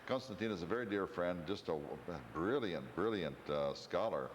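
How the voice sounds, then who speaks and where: Very deep-voiced rambling male host. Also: animated, moderate pace, long reverb tail, highs cut off, slight background noise. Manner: rambling, digressive storyteller. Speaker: interviewer host. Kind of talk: local history interview. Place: community TV studio.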